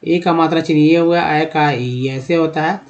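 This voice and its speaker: Male teacher with a fairly high voice, patient step-by-step explainer, muffled lo-fi audio. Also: fairly even intonation, normal speed. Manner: repeats questions and answers them himself, addresses viewers as friends. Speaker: English teacher. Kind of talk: explanatory lesson. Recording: dull lo-fi sound.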